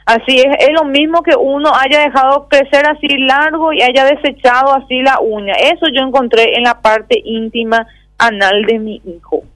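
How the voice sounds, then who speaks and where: A woman's voice: sits high, steady tone, normal speed, a bit bright, no room sound. A woman gives an anguished personal account on the radio, repeating herself and acting out her child's words. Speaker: mother telling her story on the radio. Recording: muffled dry radio audio.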